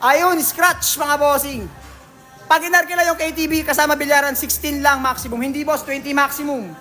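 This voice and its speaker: A man's voice: very high-pitched, steady tone, normal speed, pushed and bright, soft background music. A man with a Filipino accent hosting a casual livestream, reading out viewer comments in a jokey, teasing way and laughing often. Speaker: livestream host at a billiards hall.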